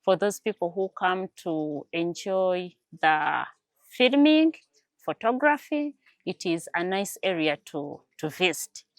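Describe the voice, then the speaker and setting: A woman's voice: lowish voice, expressive, takes it slowly, dry recording. A woman with a Ugandan accent giving an informative interview as a tourism warden, promoting a place to visitors.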